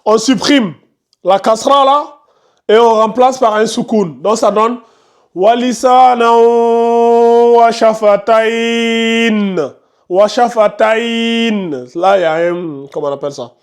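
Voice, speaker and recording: A man with a high-pitched voice leads a tajwid class in a classroom. He explains each rule with patient repetition and quizzes his students as he goes. He firmly tells chatty pupils to be quiet. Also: moderate pace. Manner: firm, scolds chatty students and asks the class questions. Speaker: Quran recitation teacher.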